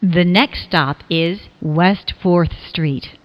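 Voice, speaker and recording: Woman, transit announcer, very unhurried, slightly low voice, scripted clipped phrases, dull audio. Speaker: subway train announcer.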